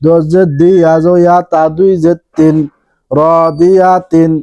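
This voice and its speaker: A man teaching Quran reading in a Bangladeshi Bengali accent, spelling each word out letter by letter and stretching the recited words slowly. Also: fairly high pitch, flat delivery, dark tone, no room sound, muffled recording. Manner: slow, drawn-out recitation between quick explanations.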